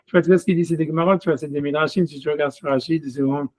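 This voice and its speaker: Chatty man teaching, slightly high voice. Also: steady tone, rapid-fire, a little mellow. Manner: chatty, peppers every phrase with "you see"; reads scripture aloud in chanted Hebrew phrases. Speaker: rabbi teaching a text study. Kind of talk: casual one-on-one text study.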